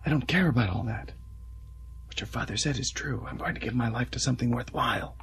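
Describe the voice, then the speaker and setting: A man's voice: mid-range voice, fast talker, slight background noise, close to an everyday voice. A man playing a stubborn, devoted young groom. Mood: earnest. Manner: stubborn, sincere.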